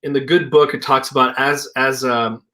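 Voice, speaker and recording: A young man speaks casually over a remote call. His voice is mid-pitched, and he sounds thoughtful and unhurried, with frequent filler words as he works through his ideas. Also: fairly even intonation, pushed and bright. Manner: reflective, hedging with "like" and "you know". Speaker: co-founder and healing practitioner. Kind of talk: casual conversation.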